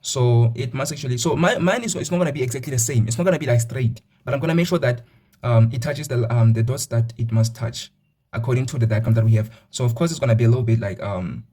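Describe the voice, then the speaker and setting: A man's voice: medium pitch, quick pace, dark tone, slight background noise. A young man teaching a math lesson to students, counting aloud and repeating himself often, with fillers as he thinks.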